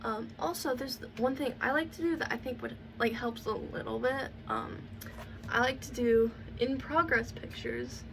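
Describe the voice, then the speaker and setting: A woman's voice: on the high side, animated, moderate pace. Chatty woman vlogging from a distance. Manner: chatty, rambling, fills with "like" and "um". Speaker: cosplayer showing a build book. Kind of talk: casual how-to vlog. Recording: voice a bit off-mic with faint background noise.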